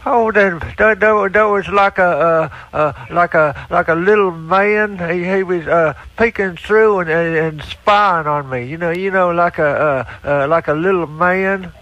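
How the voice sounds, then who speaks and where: A man's voice: high-pitched, a little slow, hardly any pauses, a bit bright, highs cut off. A man voicing a dim-witted, whiny little-brother character in a prank call, stammering and repeating words in broken grammar with a dopey cartoonish voice. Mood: dim, earnest.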